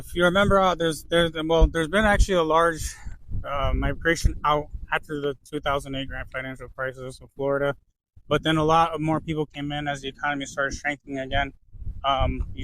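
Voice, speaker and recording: A man's voice: fairly high pitch, fairly bright tone, rough recording. A man who works as a real estate agent, walking through market numbers in a casual video with lots of fillers and restarts. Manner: loose, filler-heavy, thinking aloud.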